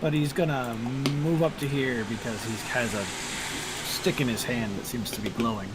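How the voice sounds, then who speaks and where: A man's voice: medium pitch, moderate pace. A man running a tabletop game as game master, narrating casually and thinking aloud about the rules. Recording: noisy room, steady background noise.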